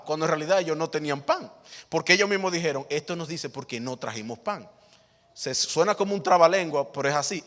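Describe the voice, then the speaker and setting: A man preaching a sermon as pastor, animated, acting out Bible dialogue with chuckles between points. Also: a little high. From Dominican Republic. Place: church sanctuary. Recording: reverberant church hall.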